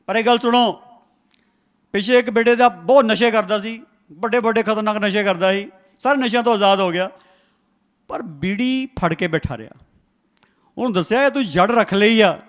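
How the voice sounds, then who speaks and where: A man with a high voice delivers a sermon in a church. He preaches with emphatic force, repeating key phrases and calling on the congregation to respond aloud. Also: moderate pace, pauses often.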